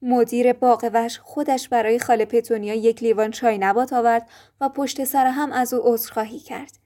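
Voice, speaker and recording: A woman narrating a children's fantasy audiobook in a calm, measured storytelling manner. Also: a little high.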